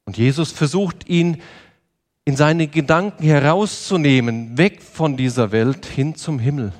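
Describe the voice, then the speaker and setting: A man's voice: fairly high pitch, a little slow, darkish tone. A man preaching a sermon in an earnest manner, speaking directly to his listeners and asking them questions. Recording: long reverb of a large hall.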